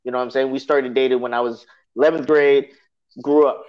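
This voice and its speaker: His mid-range voice holds a steady tone and moves a little fast. He's a man in his thirties guesting on a podcast, casual, slangy and emphatic, who keeps repeating "you know what I'm saying," captured in dull lo-fi sound.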